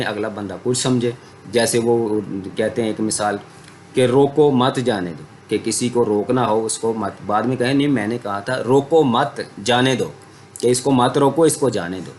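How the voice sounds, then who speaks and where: A man's voice: mid-range voice, a little mellow, a little hiss or hum. A man teaching a religious studies lesson in a conversational, explanatory way, using everyday examples. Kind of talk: Islamic studies lecture.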